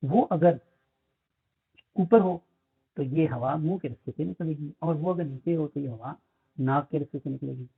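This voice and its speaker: With a Pakistani accent, a man teaches phonetics, dropping English terms into his explanations, filling gaps frequently, and reading English lines slowly. His voice is on the high side, gravelly with a breathy edge, and the recording sounds tinny and phone-like.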